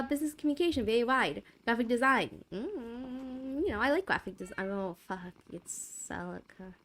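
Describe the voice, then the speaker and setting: Her voice sits a little high and sounds a bit bright as she chats on a casual live stream. This young adult woman talks into a desk microphone at her home gaming station, giggling, rambling, and often saying things twice.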